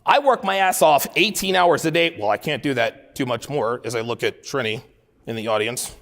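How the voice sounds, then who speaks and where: A man's voice: medium pitch, expressive, normal speed, a bit bright. A man in his forties giving a blunt, profane motivational keynote speech to a live conference audience, hammering points with repeated phrases. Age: 40s. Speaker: keynote speaker. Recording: speech in a large reverberant hall.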